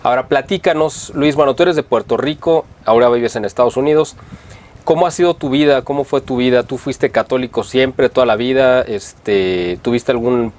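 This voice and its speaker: Interviewer guy, average pitch, friendly, rambles and keeps saying no?. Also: moderate pace, darkish tone. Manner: friendly, rambling, frequent tag questions. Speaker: interviewer host. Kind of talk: interview introduction and questions.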